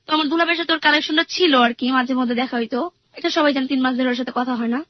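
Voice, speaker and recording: A woman's voice: high voice, fairly even intonation, very fast, no echo, lo-fi sound. A young woman earnestly retelling her own life story in a rambling way, with many fillers. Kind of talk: personal storytelling interview.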